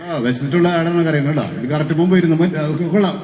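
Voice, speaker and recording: A man hosting a mimicry act on stage, teasing the audience with quick questions. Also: fairly high pitch, darkish tone. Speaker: stage mimicry artist and host. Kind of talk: lively stage chat with the audience. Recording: echoey hall with faint music.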